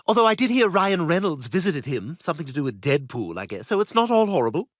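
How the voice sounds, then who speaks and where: A man's voice: on the high side, big pitch swings, quick pace, fairly bright tone, no room sound, clean studio sound. An actor voicing a snobbish, catty British baby boy in a cartoon, talking in a posh, cutting, theatrical way. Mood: condescending. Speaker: patient. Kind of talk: cartoon voice acting.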